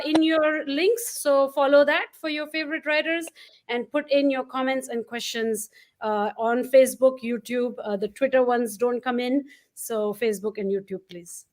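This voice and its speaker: A woman hosting a live-streamed online event, speaking with enthusiasm and many "uh" fillers over a video call. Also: sits high. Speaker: event host.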